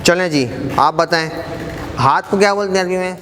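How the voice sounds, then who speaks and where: A man teaching an Arabic class, briskly quizzing students and encouraging them not to be shy. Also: sits high. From Pakistan. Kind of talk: classroom quiz lesson. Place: mosque hall. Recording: echoey hall with background noise.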